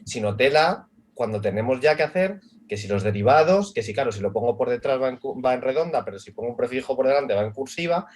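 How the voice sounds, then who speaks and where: Husky-voiced man explaining on a panel. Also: mid-range voice, animated, quick pace, hardly any pauses. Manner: explanatory, colloquial. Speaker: panel guest. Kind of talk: casual panel discussion.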